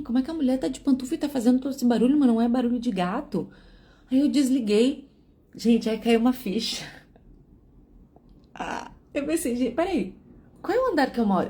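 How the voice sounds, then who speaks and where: A woman casually telling a story, acting out both sides of her phone calls with lively switches of voice. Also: on the high side. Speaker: vlogger telling a personal story.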